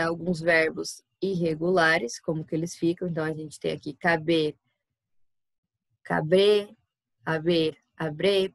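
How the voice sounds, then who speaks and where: Brazilian woman teacher with a low voice and a dry computer mic, patient, walks students through each step of an online class. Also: dry recording. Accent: Brazilian Portuguese. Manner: patient, explains step by step, often checks with "tá?". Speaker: Spanish teacher.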